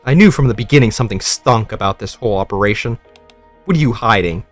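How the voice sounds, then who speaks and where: A man's voice: fairly low pitch, lively intonation, fast talker, faint music behind. A man voicing a suspicious young woman soldier who talks bluntly and accusingly, in a game story reading.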